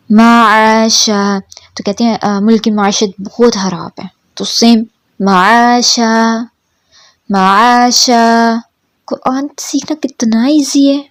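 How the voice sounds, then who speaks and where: High-voiced woman teaching Quran recitation. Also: no room sound, clean studio sound. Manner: slow drawn-out recitation alternating with quick explanations. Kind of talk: Quran pronunciation lesson.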